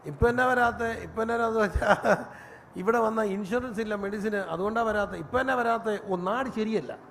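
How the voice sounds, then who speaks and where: A man preaching a sermon as pastor, telling stories with animated delivery and rising to a shout. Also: high-pitched, normal speed. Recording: long reverb, faint room noise.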